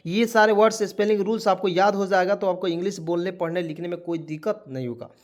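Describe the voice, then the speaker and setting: A man's voice: high voice, fairly even intonation, quick pace. A man teaching a spoken lesson, spelling words letter by letter and asking viewers questions again and again. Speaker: English teacher.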